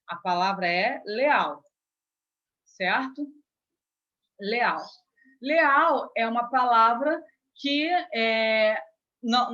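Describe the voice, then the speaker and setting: Brazilian lady teacher going thru grammar, slightly high voice, kinda muffled recording. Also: a bit bright. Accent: Brazilian Portuguese. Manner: explains step by step with frequent check-ins. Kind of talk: grammar lesson. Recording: dull lo-fi recording.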